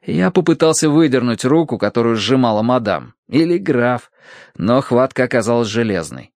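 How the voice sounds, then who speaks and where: A man narrating an audiobook in the first person with expressive, lively storytelling. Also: medium pitch, moderate pace, no room sound, clean studio sound.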